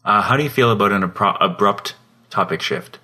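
A man's voice: fairly low pitch, brisk, sharp tone. A Canadian man co-hosting a podcast in casual chat, laid-back and laughing as he searches for his words. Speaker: podcast co-host.

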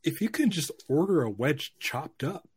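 Husky-voiced man, halting chat. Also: on the high side, big pitch swings, darkish tone. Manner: hesitant, repeats words, joking. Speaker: podcast co-host. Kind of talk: casual chat.

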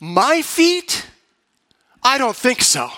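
A man's voice: very high voice, sing-song, extremely slow, pushed and bright, pitched above the performer's own voice, full character voice. A man voicing an impulsive adult male disciple who protests emphatically. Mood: indignant. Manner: emphatic, all-or-nothing protests.

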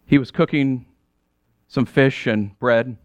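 A male pastor delivering a dramatic first-person sermon, telling the story in character and swinging between hushed and exasperated. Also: medium pitch, slow, no room sound, muffled recording. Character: the apostle Peter telling his own story.

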